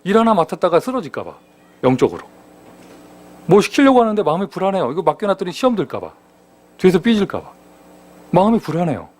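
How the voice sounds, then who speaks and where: Animated Korean pastor preaching. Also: male voice, sits high, fast, long pauses. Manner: animated, conversational preaching with rhetorical questions. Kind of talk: sermon. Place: church sanctuary.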